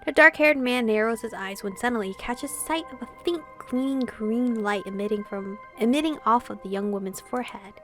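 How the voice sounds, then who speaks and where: This woman, a gaming streamer, has a fairly high, fairly bright voice and talks a little fast with few pauses. She reads aloud the narration of the visual novel she's playing and reacts expressively, with the game's music behind her.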